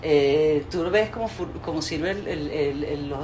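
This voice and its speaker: A woman with a Venezuelan Spanish accent hosting an interview, animated and opinionated. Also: low voice, a little slow, slight background noise. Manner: animated, opinionated, colorful speech. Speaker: interview host. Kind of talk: casual interview chat. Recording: roomy with faint ambience.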